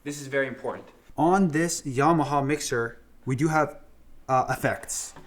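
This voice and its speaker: Here a man talks at a moderate pace with a medium-pitched voice. He's an instructor demonstrating audio equipment in a laid-back, practical tutorial, explaining one step at a time in everyday terms and restating what matters most.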